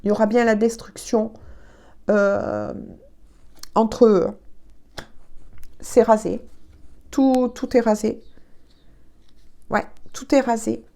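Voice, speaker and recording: A woman's voice: a little high, fairly even intonation, takes it slowly, creaky, pauses often, warm tone. A woman giving a casual, chatty tarot reading, hesitant and congested from allergies. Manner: chatty, hesitant, peppered with "hein". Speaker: tarot card reader.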